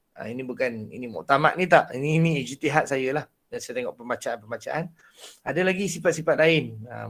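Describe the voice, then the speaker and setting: A man with a Malaysian Malay accent and a naturally husky, breathy voice, teaching a Quran recitation class in a lively way, with frequent laughs. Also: mid-range voice. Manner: animated, laughs often, demonstrates voices. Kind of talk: online lecture.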